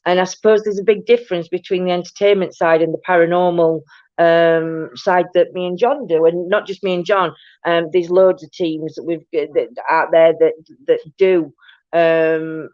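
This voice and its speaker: Reading out viewer comments on her paranormal chat stream, this woman speaks loudly and boomingly at a normal speed with fairly even intonation. Her casual talk rambles, full of restarts and "do you know what I mean," and the low-fi stream audio sounds dull and dry with no echo.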